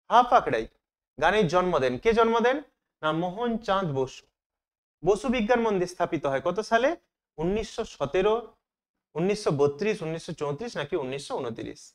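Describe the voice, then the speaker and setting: A man teaching as he works through exam questions, asking each question aloud and then answering it himself. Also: high voice. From Bengal.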